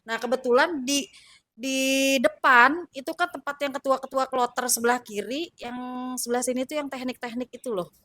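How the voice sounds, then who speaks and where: A woman recounting her time as a flight attendant in a casual, halting way with many fillers. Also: high voice, pushed and bright, no echo, clean studio sound. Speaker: former flight attendant guest. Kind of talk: casual storytelling.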